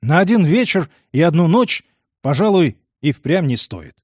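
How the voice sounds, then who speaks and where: Man voicing a jovial stout old gentleman. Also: fairly high pitch, very animated, moderate pace, dry recording, studio quality, pitched above the performer's own voice. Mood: persuasive. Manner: warm, eager, laughing.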